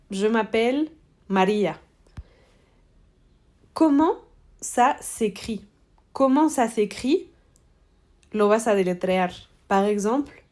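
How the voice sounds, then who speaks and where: A woman leads a French exam-prep lesson, speaking slowly and deliberately in a medium-pitched, slightly mellow voice. She repeats model answers for her students.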